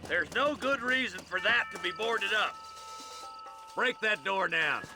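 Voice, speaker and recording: Commanding frontier marshal, loud music. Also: male voice, high-pitched, expressive, unhurried. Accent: American Western. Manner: commanding, plain-spoken. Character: stern, righteous frontier marshal, commanding older lawman. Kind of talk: video game western acting.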